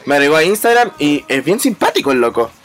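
A young man with a Chilean Spanish accent telling stories in a casual podcast chat, animated, with lots of laughing and playful voice imitations. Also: on the high side, quick pace, faint music behind. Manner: animated storytelling, mimics voices and laughs often. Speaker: podcast host.

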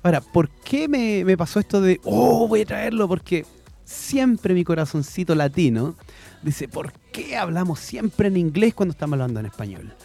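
A man's voice: sits high, big pitch swings, moderate pace, vocal fry, mellow, soft background music. A man with a Chilean accent co-hosting a radio show, chatting casually and eagerly explaining while switching between Spanish and English. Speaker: radio co-host. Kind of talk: casual bilingual radio chat. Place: radio studio.

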